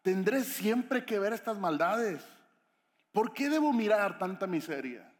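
A man voicing an anguished ancient male prophet, pleading slowly with a raised voice. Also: high voice, lively intonation. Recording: echoey hall reverb.

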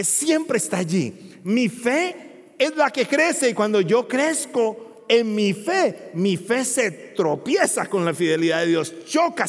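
A male pastor preaching emphatically, asking rhetorical questions and rising to loud peaks. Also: high-pitched. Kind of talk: sermon. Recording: long hall reverb.

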